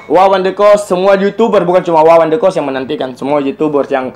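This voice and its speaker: A YouTube interviewer with a Kendari, Southeast Sulawesi Indonesian accent hosts a casual, joking chat, teasing his guest and repeating phrases for emphasis. His voice is a little high and a little mellow, with fairly even intonation, and he talks fast.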